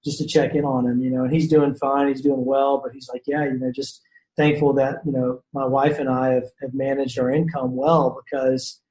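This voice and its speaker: A man's voice: mid-range voice, moderate pace. A man from the Shreveport area of Louisiana, a podcast guest telling casual stories with lots of fillers and restarts. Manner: animated storyteller, many fillers and restarts. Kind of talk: casual storytelling chat. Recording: roomy echo.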